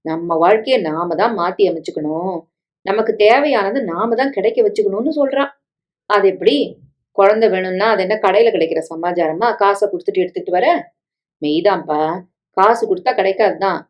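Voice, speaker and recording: A woman's voice: mid-range voice, moderate pace, lightly acted. Woman voicing a scheming stepmother, middle-aged, wheedling, pleading, story reading, muffled recording. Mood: coaxing. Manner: coaxing, pleading, guilt-tripping.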